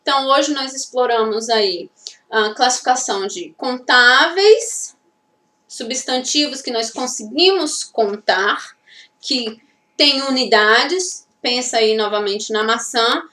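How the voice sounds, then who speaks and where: A woman's voice: fairly high pitch, expressive, takes it slowly, bright, forceful tone, far from the mic. A woman English teacher from Brazil giving a step-by-step grammar lesson, often stopping to check that listeners follow. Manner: explains step by step, with frequent checking tags. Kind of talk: classroom-style grammar lesson. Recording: echoey room, voice from off the mic.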